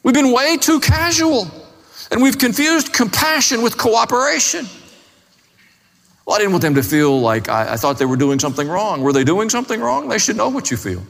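With a high, fairly bright voice that swings widely in pitch and shows vocal fry, a preacher delivers his sermon at a moderate pace. He's emphatic and plain-spoken, hammering points with brief repeated phrases, recorded in a long, reverberant hall with faint music.

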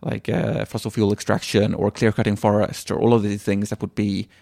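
Lowish, gravelly man explaining in an interview. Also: little pitch movement, a little fast, darkish tone, no echo. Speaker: interview guest, environmental legal activist.

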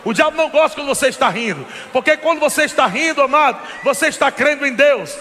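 A man preaching a sermon to a congregation, shouting and laughing fervently in a repetitive cadence. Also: very high-pitched, expressive, quick pace, long reverb tail.

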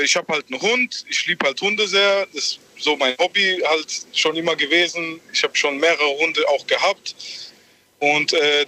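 A young man from southwest Germany calling a radio phone-in from his car's hands-free system and telling a story in a halting, rambling way. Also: fairly high pitch, bright, forceful tone. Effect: phone call through a car hands-free speaker system, at times distant from the mic. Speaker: radio call-in caller.

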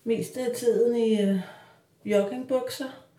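A woman's voice: on the high side, fairly even intonation, dark tone. A middle-aged woman from Denmark hosting a personal audio diary, hesitant and self-deprecating, with many fillers, recorded on a handheld mic that pops. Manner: slow, reflective voice-over narration. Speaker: podcast host. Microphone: handheld mic that pops on P sounds.

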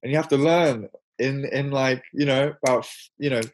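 A man's voice: mid-range voice, fairly even intonation, normal speed. A young man chatting as an interview guest, rambling and self-mocking, laughing often as he talks. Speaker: interview guest, musician and filmmaker. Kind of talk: casual interview chat.

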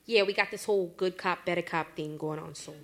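A woman acting a gruff but nervous detective partner in a comedy radio play. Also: lowish voice, close to an everyday voice. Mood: wary. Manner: deadpan, drawn-out mutters.

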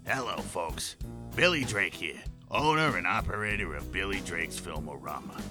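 A man's voice: low voice, animated, normal speed, over music. A man playing a folksy, competitive movie-theater owner in a parody local advert. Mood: earnest pitch.

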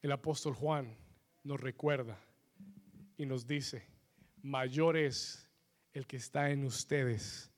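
A man preaching a sermon with call-and-response, switching between two languages and rising to shouts. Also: medium pitch, fairly even intonation. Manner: slow, emphatic phrasing. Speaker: pastor. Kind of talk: bilingual sermon.

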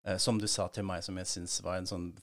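A man from Germany, a native German speaker, co-hosting a podcast and explaining in a relaxed way with light laughs. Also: sits low. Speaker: podcast co-host. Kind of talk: conversational explainer.

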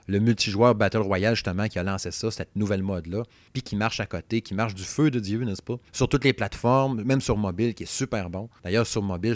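A lowish-voiced man with a Québécois French accent chats casually as host of a video game podcast, meandering along with plenty of filler words. The recording is dry.

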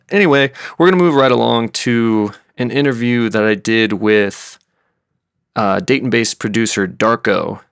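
An American man hosting a podcast in a laid-back, slangy way, with a smooth, sultry DJ-style voice. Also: on the low side, fairly bright tone, dry recording, clean studio sound. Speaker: podcast host. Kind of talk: casual podcast talk and interview.

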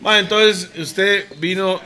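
A man's voice: high-pitched, steady tone, slow, crowd noise. A man, co-hosting a podcast and tossing in wisecracks. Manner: joking, interjecting wisecracks. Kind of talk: casual chat.

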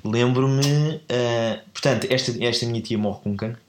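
A man's voice: mid-range voice, moderate pace, roomy sound, background noise. A man with a European Portuguese accent, telling a story in casual chat, rambling and often correcting himself. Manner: rambling, self-correcting, laughs at own mix-ups.

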